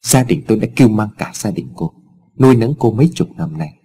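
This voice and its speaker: A man's voice: fairly low pitch, lively intonation, a little fast, warm tone, slightly rough. A man voicing a stern, wealthy old father in a told story, speaking in harsh, clipped scolding tones.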